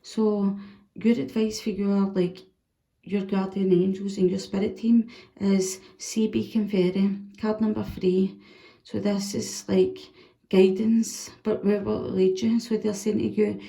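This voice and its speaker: A woman's voice: medium pitch, measured pace, vocal fry, echoey room. Chatty woman reading tarot cards. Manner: chatty, animated, swears casually. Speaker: tarot reader.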